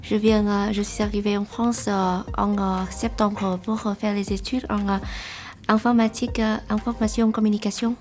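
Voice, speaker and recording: A young Vietnamese woman, an international student, giving a halting testimonial in French with a Vietnamese accent and many pauses. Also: medium pitch, flat delivery, darkish tone.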